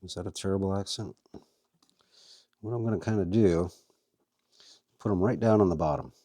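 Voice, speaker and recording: A man's voice: sits low, moderate pace, mellow, no room sound. A man hosting a casual how-to video, chatting as he works and talking to his worms. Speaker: vlog host and worm farmer.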